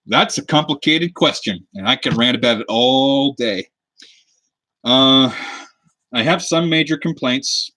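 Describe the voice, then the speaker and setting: Streaming himself crafting a cosplay prop, a man in his 20s from the US Pacific Northwest keeps up a rambling, easygoing chat at his desk under a lamp. His mid-range voice sounds bright and forceful, and the webcam mic catches it with no room sound.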